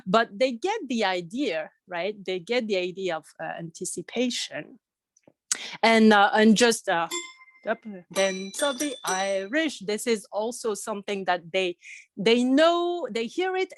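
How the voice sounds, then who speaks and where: A woman's voice: a little high, no echo. A woman teacher speaks unhurriedly over a video call, stopping and restarting her sentences with plenty of "uh" and "like". The sound is close and dry, with no room around it. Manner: halting, many fillers and restarts, sings snatches of a children's song. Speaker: music teacher. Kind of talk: casual presentation in a video call.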